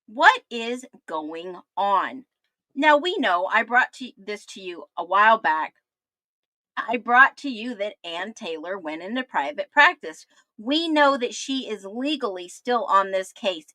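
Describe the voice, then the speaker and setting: Casting note: emphatic woman in her fifties, crime commentator, bright forceful tone, dry close sound. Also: a little high, dry recording. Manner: emphatic, repetitive, chatty asides. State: thirsty, getting over the flu. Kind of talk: casual livestream commentary.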